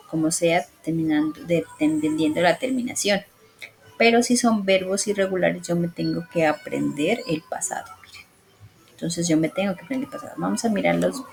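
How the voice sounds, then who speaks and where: A woman's voice: lowish voice, low-quality recording. Patient woman teacher explaining grammar. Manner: patient, repeats and checks in. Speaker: English teacher.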